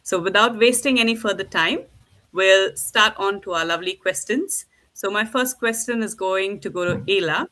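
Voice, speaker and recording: Introducing guests on a live video-call panel, this woman from India speaks at a normal pace in a medium-pitched, bright and forceful voice. Her manner is eager and cheerful, and "lovely" keeps coming up in this streamed group discussion.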